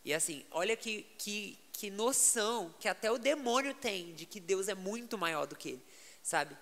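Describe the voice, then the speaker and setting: Lively Brazilian pastor, bright voice. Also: male voice, high voice, normal speed, big-room sound. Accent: Brazilian Portuguese. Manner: lively storytelling, animated and laughing. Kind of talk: casual podcast chat.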